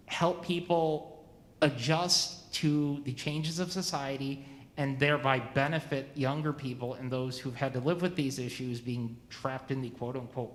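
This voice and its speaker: Halting man in an echoey hall. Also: medium pitch. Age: 40s. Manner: halting, stumbles and restarts often. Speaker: church member asking questions. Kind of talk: question at a church meeting. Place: church meeting room.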